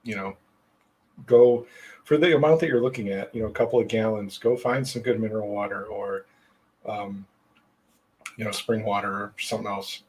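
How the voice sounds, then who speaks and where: A man's voice: on the low side, steady tone, moderate pace, long pauses, darkish tone, poor audio. Rambling man in casual chat. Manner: rambling, swears freely, many fillers. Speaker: podcast host.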